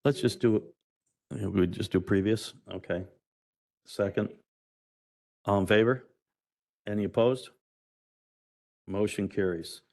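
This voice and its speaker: An American man with a fairly low voice chairs a public meeting. He moves through procedure informally, in a brusque, businesslike way. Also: a little slow, long pauses, a little mellow.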